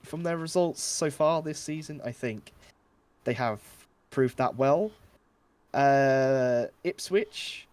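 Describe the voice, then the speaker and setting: A man hosting a casual football predictions chat, measured and a little hesitant with fillers. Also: mid-range voice, a little mellow, no room sound.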